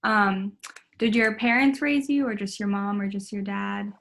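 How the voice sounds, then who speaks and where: A woman's voice: mid-range voice, flat delivery, unhurried, creaky, fairly bright tone. A young woman running a student clinical interview, friendly and tentative, with frequent ums.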